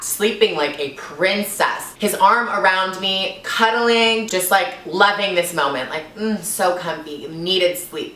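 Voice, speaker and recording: Brief: young woman, casual storyteller, lower voice, animated, roomy sound a bit away from the mic. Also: recorded from a distance. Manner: animated, fillers of "like", swings from hushed to shrieking disgust.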